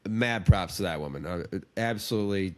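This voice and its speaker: A man's voice: low voice, brisk. A man co-hosting a podcast in casual, crude, joking chat that rambles and restarts. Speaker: podcast co-host.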